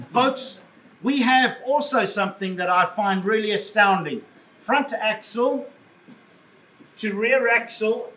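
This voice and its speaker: A high-voiced man gives a lively car presentation to a crowd, joking with his listeners and calling them folks. He sounds distant from the microphone, and the room is echoey. Faint background noise sits behind him. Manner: jovial, addresses the crowd as folks, jokes with the audience. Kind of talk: live product presentation to an audience. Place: showroom or event space. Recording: echoey room, voice heard from far off, faint ambience.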